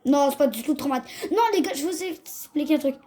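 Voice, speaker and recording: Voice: sits high, fast, dark tone. A young gamer, chatting casually to viewers over a let's-play in slangy talk. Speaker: gaming video host. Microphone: phone.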